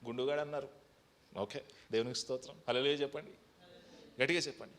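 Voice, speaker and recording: A man preaching a sermon as pastor, moving between loud, high calls to the congregation and quiet, personal testimony, with English phrases mixed in. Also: steady tone, fast.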